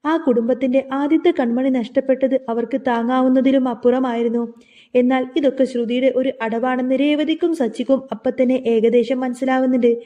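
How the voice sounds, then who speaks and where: A woman's voice: high-pitched, steady tone, a little fast, warm tone, muffled recording. A woman narrating an episode recap of a television serial in a storytelling tone. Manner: retelling in storytelling tone.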